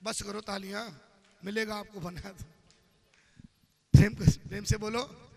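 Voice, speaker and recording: Man, devotional storyteller, very high voice, exhorting crowd, live gathering. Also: fairly even intonation, a little slow, creaky, long reverb tail, slight background noise.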